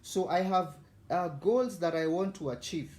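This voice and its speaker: A man's voice: high-pitched, measured pace, darkish tone, roomy sound. A man in his forties with a Kenyan accent, hosting a casual live cooking vlog in a chatty, boastful way and greeting viewers by name. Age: 40s. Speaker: host.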